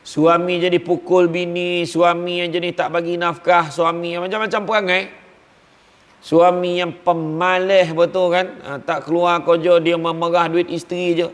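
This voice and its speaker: A man with a Malaysian Malay accent giving an animated, jokey religious talk, acting out the people he quotes. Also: high-pitched, normal speed, big-room sound. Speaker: preacher.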